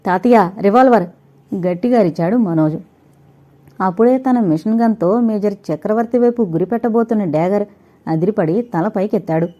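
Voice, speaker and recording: A woman narrating a suspense thriller audio novel in a steady, dramatic storytelling manner. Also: mid-range voice. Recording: dull lo-fi recording.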